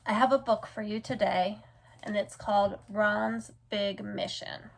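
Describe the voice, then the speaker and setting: A woman with a medium-pitched, creaky voice reads a children's picture book aloud as a storyteller, expressive and deliberate in her delivery.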